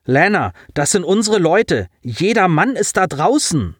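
A man's voice: high voice, very animated, unhurried, husky, no echo, studio quality, voice pushed up, exaggerated voice. A man voicing a dutiful female bridge officer who speaks urgently and protests orders.

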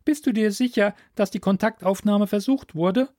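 A man voicing a calm, inquisitive male alien mentor in a measured, questioning way. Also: sits high, no room sound, clean studio sound, pitched above the performer's own voice, natural voice. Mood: probing.

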